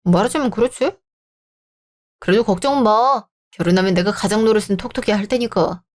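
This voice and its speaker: A woman's voice: mid-range voice, fairly quick, natural voice. A woman voicing an arrogant, controlling young man who talks down to his fiancée, as part of a radio drama reading. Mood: scheming. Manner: condescending, bullying. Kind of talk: Korean story-channel radio drama reading.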